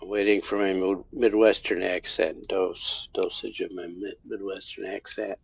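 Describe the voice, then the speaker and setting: A man's voice: low voice, flat delivery, moderate pace, creaky, breathy edge, dry recording. A man casually commenting on his gameplay as a streamer, thinking aloud with frequent restarts. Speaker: game streamer.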